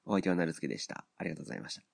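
A man hosting a casual solo podcast, speaking bluntly and opinionatedly with frequent fillers and pauses. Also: extremely low pitch, lively intonation, creaky. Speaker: podcast host.

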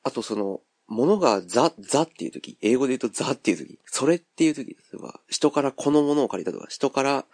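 A man's voice: medium pitch, animated, fast, few pauses, a little mellow, no room sound. A man with a Kansai accent hosting a podcast, thinking aloud in a rambling, casual monologue full of fillers. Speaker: podcast host.

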